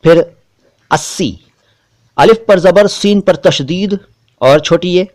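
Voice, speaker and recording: A man, hosting a spelling lesson and explaining words slowly and carefully, letter by letter. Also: sits high, a little mellow. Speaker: Urdu language teacher.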